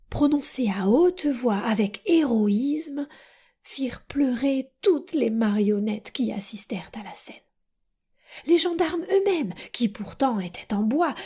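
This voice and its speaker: Slow, breathy woman narrating a storybook. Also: a little high, animated. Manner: soft, hushed, breathy delivery.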